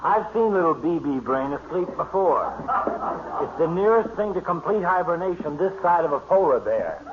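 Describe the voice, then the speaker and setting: A muffled, noisy old radio recording of an actor playing a sardonic small-town doctor. He needles in a lively, fairly high voice, in 1950s comedy style. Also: moderate pace, close to an everyday voice.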